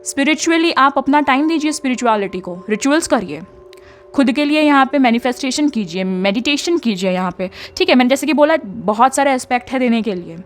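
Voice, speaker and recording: Her high-pitched voice is expressive and brisk. She's a young tarot reader giving chatty spiritual advice, frequently checking on her listeners, dropping in English and leaning on tag questions.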